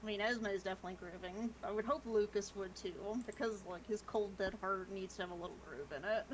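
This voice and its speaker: A woman's voice: medium pitch, fairly quick, slight background noise, rough recording. A woman playing a tabletop game in playful, joking casual chat. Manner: playful, joking, laughs easily. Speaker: player.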